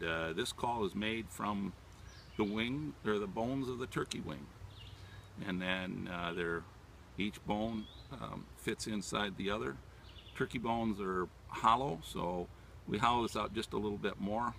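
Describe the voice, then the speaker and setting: Man, 60s, creaky and bright-edged, informal instructor demonstrating outdoors, halting delivery, mic at a distance. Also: on the low side, a little hiss or hum. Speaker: turkey hunting instructor. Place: outdoors in leafy woodland. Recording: distant mic outdoors, natural background sounds.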